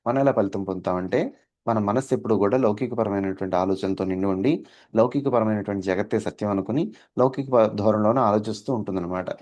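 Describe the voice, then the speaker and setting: A man with a fairly low voice gives a devotional discourse, teaching in an explanatory way. He stretches his pauses with long "aa" fillers and drops English words into his talk. He checks in with listeners as he goes. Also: a little mellow. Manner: explanatory, asks listeners "understood?"; drawn-out "aa" fillers. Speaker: spiritual teacher.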